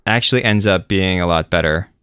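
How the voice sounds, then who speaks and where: A man with a lowish, resonant voice talks in a loose, meandering way. He sounds relaxed and pokes fun at himself. The sound is close and dry, with no room around it. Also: brisk, clean tone, no echo. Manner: relaxed, rambling, self-deprecating. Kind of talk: casual chat.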